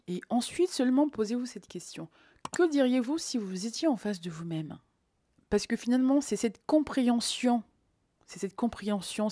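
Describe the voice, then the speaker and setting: Emphatic woman vlogger, mellow tone, dry recording, playful coaching. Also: medium pitch, no room sound. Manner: emphatic, playful, lively teaching tone. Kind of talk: advice vlog.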